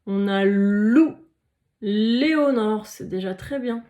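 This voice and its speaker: A woman with a medium-pitched, warm voice speaks slowly in a recorded phonics lesson for young children. She carefully sounds out letters and syllables, encouraging the listeners and praising them often.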